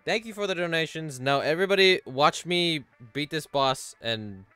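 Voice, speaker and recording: A man live-streaming a game, excitable and laughing as he swears and thanks donors. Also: on the high side, normal speed, clear, resonant tone, dry recording, faint music behind. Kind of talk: live gaming stream chat.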